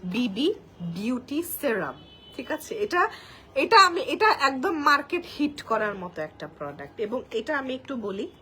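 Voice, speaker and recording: A woman with a Bangladeshi accent chatting through a live makeup demo, speaking softly because she has a cold and a sore throat. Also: high voice, sing-song, unhurried. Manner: talks softly while applying makeup, chatty. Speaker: makeup brand presenter. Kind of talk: live product demo chat.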